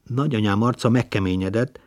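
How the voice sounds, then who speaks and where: Low-voiced man reading literary prose. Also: darkish tone, no echo, clean studio sound. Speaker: audiobook reader. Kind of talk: literary audiobook narration.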